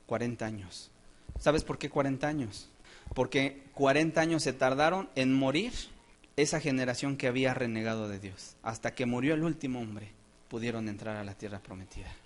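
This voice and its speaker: A man preaching a sermon in a church with an impassioned delivery, rising to loud exclamations and dropping to quiet asides, often asking his listeners to agree. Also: medium pitch, normal speed. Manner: addresses the congregation as "hermanos", asking "¿cierto o no?".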